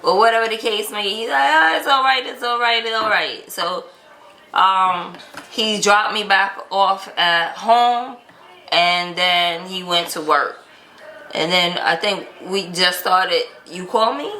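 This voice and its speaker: An American woman with a mid-range voice tells a story at a measured pace, acting as host in a casual, chatty way. She animates the retelling by acting out bits of quoted dialogue. The recording has a roomy echo and light background noise.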